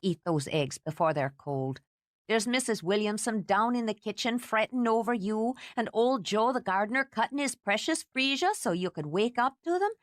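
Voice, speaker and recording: Here a woman reading a storybook takes on the role of an older housekeeper, bossy and brisk but fiercely affectionate, whose scolding voice is lively and climbs high when she's agitated. It's lightly acted, and the sound is close and dry with no echo.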